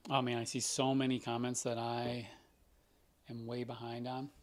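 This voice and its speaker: A doctor fields questions on a live stream, his male voice scratchy and mid-range with a level tone. He moves at a moderate pace and explains things in an easygoing way, drawing on lots of everyday examples.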